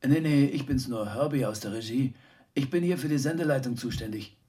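A disembodied voice of a male broadcast director, voiced by an actor, drifts in from the control room of a children's radio show. It sounds roomy and set back from the microphone, with a middling pitch. He talks in a brisk, official way. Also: mellow. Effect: disembodied voice from off-stage, distant and roomy. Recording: echoey, far from the mic.

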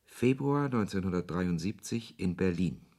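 Playing a brooding author with an ironic, literary, sardonic manner, this actor narrates his own story in first person in a radio play, along with dialogue. The low, husky voice is a little mellow and animated, at a measured pace, in a reflective mood.

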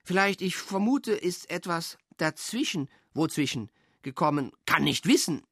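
A man performing an experimental spoken-word text as a restless stream of consciousness, swinging between low mutters and sudden outbursts. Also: animated, unhurried, a bit bright, no room sound, studio quality.

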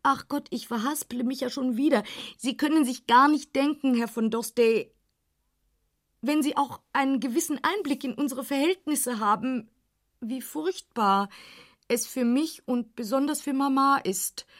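Eine Frau liest einen Roman in der Ich-Form, als lebhaften, aufgewühlten inneren Monolog, nah am Mikrofon. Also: female voice, high-pitched. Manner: lively, agitated inner monologue, quick shifts between whisper and urgency. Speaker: audiobook reader. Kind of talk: literary first-person reading.

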